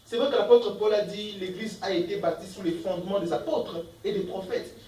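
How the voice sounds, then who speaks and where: A man's voice: high-pitched, fairly quick, darkish tone, reverberant, distant mic, poor audio. A man preaching a sermon as pastor, emphatic, asking the congregation questions and reading verses aloud. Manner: reads scripture verses aloud between comments. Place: church.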